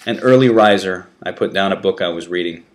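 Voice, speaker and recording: Reading an article aloud, a low-voiced male narrator delivers a first-person prison memoir. He sounds deliberate and dramatic, as if working from a script.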